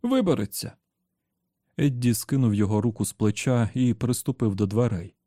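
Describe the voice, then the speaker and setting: A man narrating an audiobook in a steady, measured storytelling manner. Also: on the low side, no echo, studio quality. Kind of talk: scripted narration.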